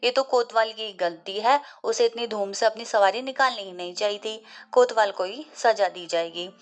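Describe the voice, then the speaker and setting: A woman's voice: mid-range voice, moderate pace, close to an everyday voice. A woman voicing a scheming male royal minister.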